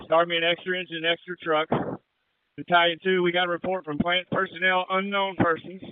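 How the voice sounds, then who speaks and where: A man's voice: sits high, little pitch movement, brisk, smooth, no room sound. A man, a fire engine officer at an incident, giving terse, clipped status reports over a handheld fire radio. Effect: heard over a handheld fire radio. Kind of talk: fireground radio traffic. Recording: tinny two-way radio transmission.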